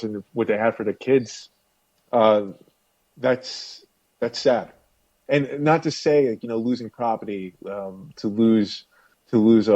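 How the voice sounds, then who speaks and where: A man's voice: medium pitch, mellow, no echo. A man hosting a casual podcast discussion, talking in a rambling way with many restarts. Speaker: podcast host. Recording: dull dry lo-fi audio.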